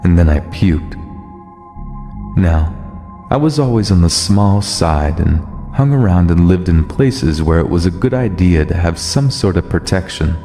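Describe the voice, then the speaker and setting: Deep-voiced man reading a horror story. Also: animated, measured pace. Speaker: narrator. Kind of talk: scripted horror story narration. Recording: long reverb over music. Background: soft music.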